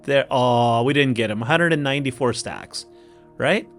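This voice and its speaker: A man's voice: mid-range voice, normal speed, a bit bright. Oklahoma-accented man doing game commentary. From Oklahoma, United States. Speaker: gaming video host. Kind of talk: casual game strategy commentary. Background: music.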